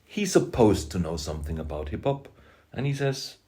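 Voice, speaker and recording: An Austrian music producer and rapper, a German speaker with an Austrian accent, delivers an emphatic vlog monologue on hip-hop. His lowish, dark voice has a sing-song lilt, and he halts now and then for self-deprecating asides.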